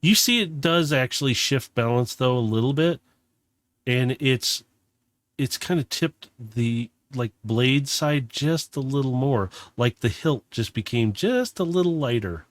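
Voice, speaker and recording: A man's voice: mid-range voice, expressive, a little slow, no echo. A man runs a tabletop game as game master. He improvises descriptions casually in a mid-range voice, correcting himself along the way. The sound is close and dry.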